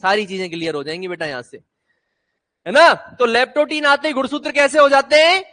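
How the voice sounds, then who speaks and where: Man, teacher, very high voice, lively call-and-response lecture. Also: brisk. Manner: animated, coaxing students to chant answers.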